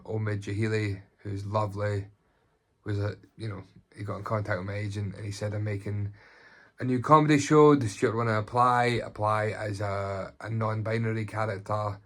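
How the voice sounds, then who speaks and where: Sweary Glaswegian comedian, low voice. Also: male voice, fairly bright tone. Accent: Glaswegian Scottish. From Glasgow, Scotland. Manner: chatty, sweary, self-deprecating. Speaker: stand-up comedian. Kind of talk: casual talking-head interview.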